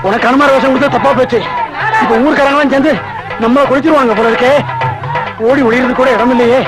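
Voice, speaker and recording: An actor playing a cheeky young village man who talks back quickly in a comedy film. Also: very high-pitched, steady tone, loud music behind the voice, a loud crowd, poor audio. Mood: panicked. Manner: quick, cheeky, defiant retorts. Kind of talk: Tamil film comedy acting.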